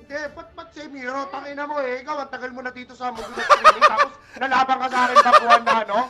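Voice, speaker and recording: A man's voice: extremely high pitch, expressive, fast talker, loud music behind the voice. A man live streaming, mocking his rival with repeated short jabs in heated trash talk.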